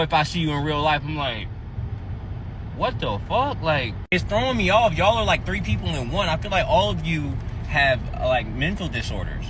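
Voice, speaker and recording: Higher-voiced man talking with retainers in, noisy car. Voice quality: slightly slurred speech from wearing retainers. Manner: slangy, exasperated. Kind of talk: casual rambling rant. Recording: clear car and outdoor noise.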